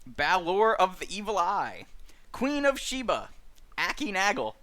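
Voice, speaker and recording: A man hosting a streamed book club, reading a list of names and chatting casually with lots of fillers and dry asides. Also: sits high. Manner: lively, halting with many fillers, dry asides. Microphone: streaming mic.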